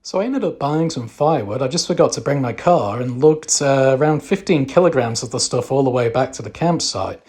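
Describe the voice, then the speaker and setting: A man's voice: mid-range voice, animated, brisk, hardly any pauses, a little mellow, slightly rough. A man narrating a camping vlog in a chatty, informal storytelling way. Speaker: camping vlogger. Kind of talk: casual travel vlog narration.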